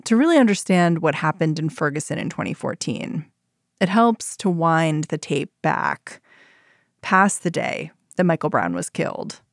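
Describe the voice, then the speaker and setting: A woman hosting a narrative podcast, telling the story in a measured way and asking probing questions. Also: deep voice, big pitch swings, vocal fry, no room sound. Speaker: podcast host. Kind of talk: scripted narration and interview. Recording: dry studio sound with music.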